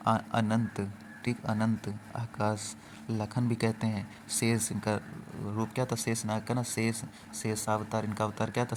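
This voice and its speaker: A man teaching a vocabulary lesson for an exam, repeating each word and quizzing the listener before answering himself. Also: fairly low pitch. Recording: faint background noise.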